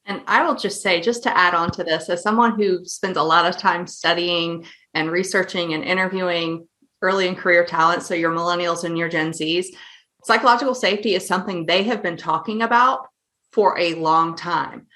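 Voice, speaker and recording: Woman hosting a video call panel: affirming, asks follow-ups, bright and forward tone, low-ish pitch. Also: normal speed. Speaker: host. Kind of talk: panel discussion.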